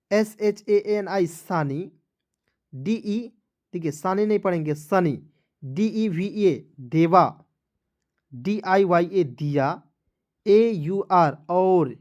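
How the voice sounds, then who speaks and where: A male teacher gives an online reading lesson. He sounds out each word letter by letter at a careful pace and often pauses to ask whether his viewers are following. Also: high voice, a little mellow. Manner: spells out letters slowly, often checks if viewers understand.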